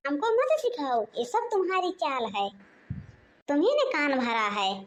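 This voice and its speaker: Woman playing a bossy middle-aged mother-in-law, cartoon, scolding, high voice. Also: wildly swooping pitch, unhurried, heavily acted. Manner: commanding, scolding.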